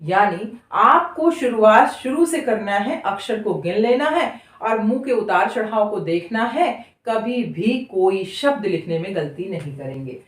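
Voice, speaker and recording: A woman's voice: medium pitch, animated, measured pace, hardly any pauses. A woman teaching beginners to read Hindi, sounding words out syllable by syllable and drawing them out. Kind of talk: slow spoken lesson. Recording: echoey room, voice from a distance.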